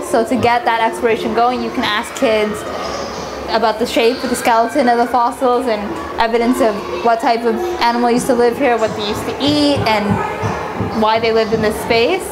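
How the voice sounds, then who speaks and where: A young woman in her twenties with a fairly high voice guides viewers through an indoor cave exhibit, upbeat and explanatory. She speaks into a clip-on mic with steady background noise from the exhibit hall behind her. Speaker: science centre educator.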